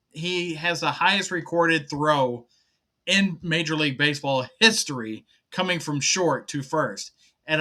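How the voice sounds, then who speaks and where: Male sports co-host, high, brilliant tone; excited, number-packed casual analysis. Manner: enthusiastic, stat-heavy analysis. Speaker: podcast co-host.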